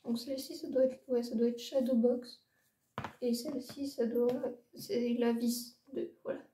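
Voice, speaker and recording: A woman's voice: on the high side, level tone, measured pace, mellow, a little hiss or hum. Chatty young woman in a roomy echo. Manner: chatty, hesitant, many fillers and repeated words. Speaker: beauty vlogger. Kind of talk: casual makeup palette show-and-tell. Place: room lit by a ring light. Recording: roomy echo, a bit far from the mic.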